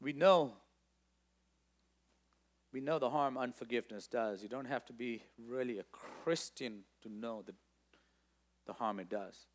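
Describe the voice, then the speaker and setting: A middle-aged male pastor preaching a sermon, reading scripture aloud and stopping to comment, moving between loud emphatic lines and quiet low ones. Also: measured pace, long pauses.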